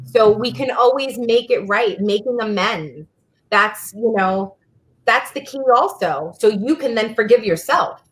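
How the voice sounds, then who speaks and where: A woman co-hosting a casual talk show, calmly explaining advice for teens like a counselor. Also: on the high side, a little slow. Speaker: podcast co-host giving advice to teens.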